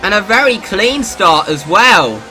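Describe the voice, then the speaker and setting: A man giving live sim-racing commentary in the excitable manner of a motorsport commentator. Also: high voice, a little slow, faint music behind, poor audio.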